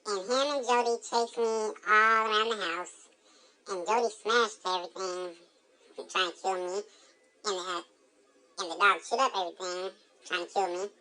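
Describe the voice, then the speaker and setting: A woman's voice: medium pitch, fairly even intonation, normal speed, sharp tone, close to an everyday voice. A woman voicing a foul-mouthed drunk chipmunk in a comedic monologue, brash and heavy on slang and swearing.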